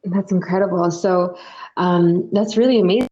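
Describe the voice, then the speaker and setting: A woman hosting a casual interview, friendly and chatty, with many fillers. Her voice sits fairly low. The recording sounds dull and lo-fi. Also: normal speed, warm tone. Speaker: interview host.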